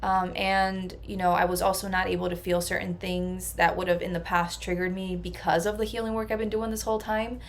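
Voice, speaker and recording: A woman's voice: lowish voice, little pitch movement, fairly quick, few pauses. Earnest woman coach, level voice. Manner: earnest and reflective, level delivery. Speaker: personal transformation coach. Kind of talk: casual vlog monologue.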